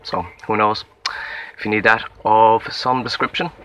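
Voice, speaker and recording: A man's voice: fairly low pitch, flat delivery, normal speed, bright, forceful tone. Young Limerick man rambling at audition. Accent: Limerick Irish. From Limerick, Ireland. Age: young adult. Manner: rambling, self-deprecating, with many fillers and restarts. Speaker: acting auditionee. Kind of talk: casual self-introduction to camera. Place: outdoors in a wood.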